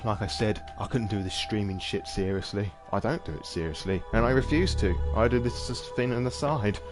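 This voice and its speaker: A low-voiced man chatting casually through a game read-along, wandering off into rambling, self-deprecating asides. Music plays clearly in the background under his voice. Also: fairly quick. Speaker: host reading a visual novel on stream. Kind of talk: casual live-stream reading with asides. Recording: music playing behind.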